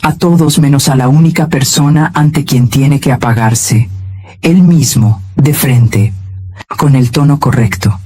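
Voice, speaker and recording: A man giving scripted motivational narration in a calm, measured, solemn way. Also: medium pitch, soft background music.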